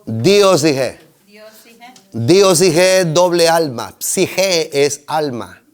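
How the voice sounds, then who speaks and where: A man's voice: a little high, animated, extremely slow, smooth, faint music behind. A man teaching a seminary preaching workshop, joking with the class and asking them questions. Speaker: homiletics teacher.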